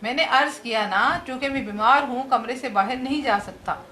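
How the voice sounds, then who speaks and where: Woman reading as a sick grumpy husband, moany and fretful, high and bright. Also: normal speed, a little hiss or hum. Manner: groaning, fretful read-aloud lines. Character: ailing irritable husband, middle-aged man, complaining.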